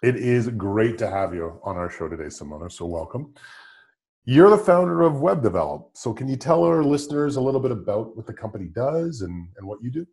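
Brisk and sing-song, this man's mid-range voice carries a darkish tone. As a podcast host, he starts with a scripted opening and then chats casually, firing off cheerful questions thick with fillers.

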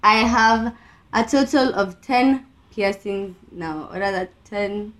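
A young Kenyan woman hosting a casual podcast chat, her speech slightly impeded by a new tongue piercing, animated and slangy. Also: mid-range voice, slow pace. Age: young adult. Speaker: podcast host.

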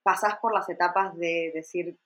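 A woman with an Argentine accent, speaking in a somewhat low voice. She is a podcast guest in her forties, and she chats in a loose, reflective way with plenty of fillers. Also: fairly even intonation, moderate pace, a bit bright, rough recording. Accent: Argentine Spanish. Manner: chatty and reflective, with frequent fillers. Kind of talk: casual conversation.

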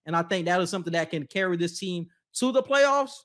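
A man's voice: sits high, expressive, brisk, a bit bright. A man co-hosting a sports talk show, chatting casually about basketball, laid-back and slangy, laughing often. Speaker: sports podcast co-host.

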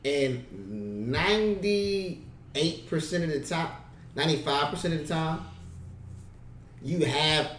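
A man with a somewhat high voice chats on a podcast with animated, playful energy, full of slang and acted-out asides. He sounds a little distant from the mic. The room around him echoes noticeably. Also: slow, long pauses. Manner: animated, playful, slangy, acts out bench banter. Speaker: podcast co-host, assistant basketball coach. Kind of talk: casual podcast chat.

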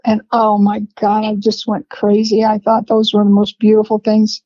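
A woman in her seventies telling family memories in a rambling, unhurried way with laughs between stories. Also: medium pitch, completely flat delivery, warm tone, no echo. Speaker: interviewee, family matriarch. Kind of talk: reminiscing conversation. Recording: dry, slightly dull lo-fi sound.

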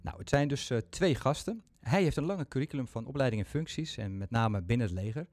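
A man's voice: mid-range voice, lively intonation, fairly quick, darkish tone, no echo. A man hosting a podcast, talking chattily with self-mocking humor into a microphone. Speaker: podcast host. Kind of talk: casual podcast talk.

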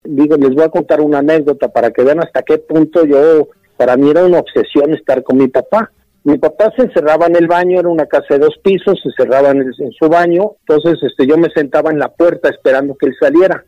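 A man's voice: fairly high pitch, fast talker, no echo. Man telling a fond family story. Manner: animated storyteller who acts out voices. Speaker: interview guest. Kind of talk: reminiscing storytelling. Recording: dull, dry broadcast audio.

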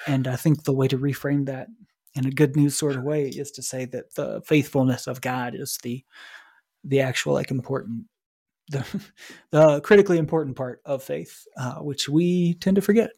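A man's voice: medium pitch, fairly even intonation, normal speed, gravelly, darkish tone, husky. A man co-hosting a casual podcast, chatting and reading scripture aloud with emphasis. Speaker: podcast co-host. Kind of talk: casual lectionary podcast chat.

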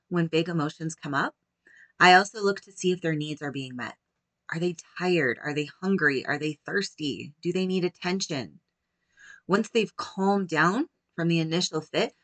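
A woman, likely in her thirties, giving a gentle, measured talk that teaches parents how to calm young children. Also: fairly low pitch, no room sound.

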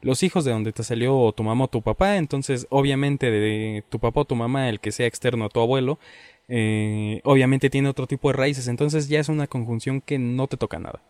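A man's voice: mid-range voice, a little fast, darkish tone, dry recording. A man in casual chat, arguing his points emphatically and repeating them. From Mexico.

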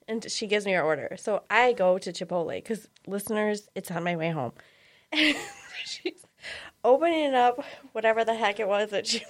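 A woman's voice: medium pitch, expressive, normal speed. A middle-aged woman hosting a podcast, telling stories in casual chat and laughing often. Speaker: podcast host.

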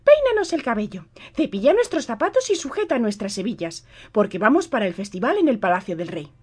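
A woman voicing vain, bossy young stepsisters giving orders in a high, shrill voice. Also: very animated, fairly quick, slightly rough.

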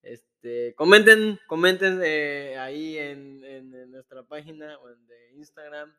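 Chatty man, bright voice. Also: on the high side, slow, clear, resonant tone. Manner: chatty, many fillers like "este", laughs often. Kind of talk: casual chat.

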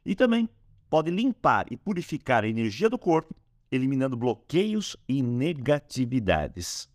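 A man hosting a calm instructional talk on a spiritual technique, slowing down when he speaks mantras. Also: mid-range voice, no echo, studio quality. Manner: lively, rising and falling delivery, slowing on mantras. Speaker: host teaching a spiritual technique.

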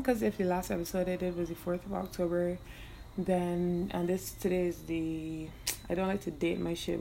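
Bajan woman rambling on her podcast, kinda low and gravelly, swears a lot, laughs easy. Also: a little mellow, slight background noise. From Barbados. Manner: loose, profane, laughing. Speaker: podcast host. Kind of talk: casual solo podcast chat.

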